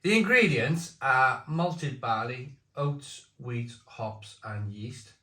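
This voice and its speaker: A British man with a chesty cough gives a casual, halting review, often repeating phrases as he muses. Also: mid-range voice, expressive, pushed and bright. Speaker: beer reviewer. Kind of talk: casual spoken review to camera. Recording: echoey room.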